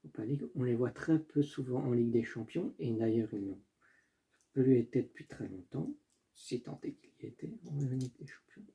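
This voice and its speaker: This young man's casual solo football video has him reasoning out loud, frequently restarting and fixing his words, and apologizing after tripping on names. His mid-range voice is dark, with vocal fry, at a moderate pace.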